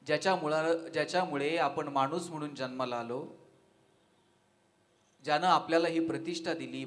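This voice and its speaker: High, bright-voiced male devotional speaker. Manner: lively storytelling, asks the audience questions. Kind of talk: devotional talk with humorous anecdotes. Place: live devotional event before an audience.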